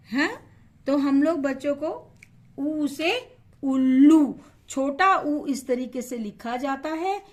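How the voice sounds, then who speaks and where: A woman teaching how to write and pronounce vowels, asking questions and answering them herself, and stretching the sounds to show them. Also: high voice. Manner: slow, patient, asks questions then answers them; stretches vowels to model pronunciation. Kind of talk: instructional lesson.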